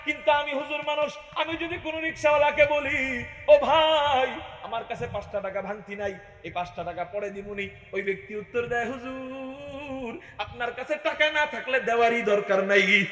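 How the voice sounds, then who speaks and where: Fiery preacher shouting through echoing loudspeakers. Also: male voice, very high-pitched, fairly even intonation, brisk. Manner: impassioned, rising to shouts, chanting verses. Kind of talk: waz sermon to a crowd. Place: open field gathering.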